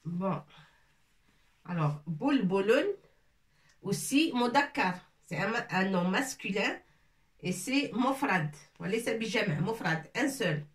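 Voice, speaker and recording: A woman's voice: mid-range voice, expressive, takes it slowly. A woman teaching a lesson, speaking patiently, repeating each word and checking that her listeners follow. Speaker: Arabic teacher. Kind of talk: slow explanatory lesson, French mixed with Arabic terms. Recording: echoey room, voice from a distance.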